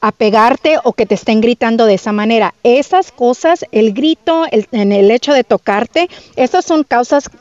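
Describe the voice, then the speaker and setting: A woman's voice: a little high, moderate pace, hardly any pauses, darkish tone, no room sound, lo-fi sound. A woman lawyer explaining legal terms in casual radio chat, switching between Spanish and English words. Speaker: lawyer guest.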